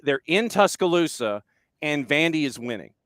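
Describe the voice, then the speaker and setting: A radio talk show host asks long, rambling questions in a casual interview, restarting often as he goes. His voice is on the high side, sing-song and fairly bright, at a moderate pace with no room sound.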